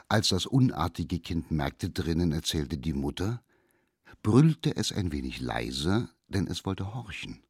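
Deep-voiced, husky German storyteller. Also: male voice, dry recording, clean studio sound. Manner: lively, expressive reading. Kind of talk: fairy-tale reading.

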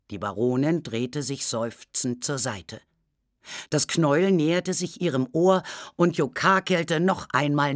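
A narrator reading a children's storybook aloud with calm, unhurried storytelling. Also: medium pitch, dry recording, studio quality. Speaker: audiobook narrator.

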